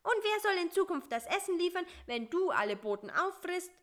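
A woman voicing a bossy, sharp-tongued little male fly in a read-aloud children's story, talking in a quick, shrill, scolding way. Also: sing-song, full character voice. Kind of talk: storybook reading.

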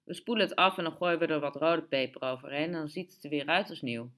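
A woman voicing a calm, practical boy. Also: low voice, quick pace. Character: Paul, placid boy who hates breaking things.

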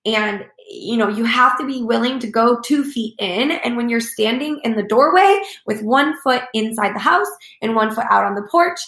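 A woman coaching on network marketing in a casual, motivational way, leaning on fillers and playing out the voices she quotes. Her voice sits a little high. The room around her is echoey. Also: normal speed, few pauses, a bit bright. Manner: chatty, filler-heavy, acts out quotes. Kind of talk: motivational talk.

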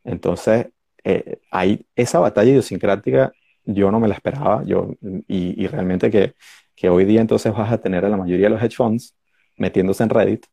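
A man's voice: fairly low pitch, moderate pace, gravelly, dark tone, husky, no echo. A man hosting a casual market commentary stream, rambling with many fillers and restarts. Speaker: host of a markets talk stream.

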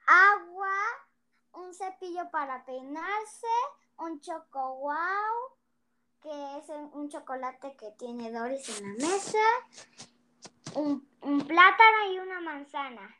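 A child slowly reading a picture book aloud, with small hesitations and restarts. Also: female voice, sits high, animated, bright, forceful tone. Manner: slow, careful reading with little hesitations. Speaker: young storyteller.

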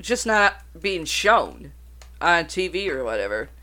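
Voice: medium pitch, sing-song, a little slow, bright, forceful tone. Profane podcast host riffing over notes. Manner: reads out notes, then swears and riffs. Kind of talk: casual uncensored podcast commentary.

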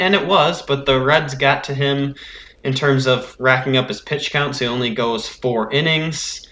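An American man hosts a sports podcast, chatting and recapping games. His voice is bright and forceful at a medium pitch. The sound has fuzzy distortion from a damaged microphone and a noticeable room echo. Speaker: podcast host.

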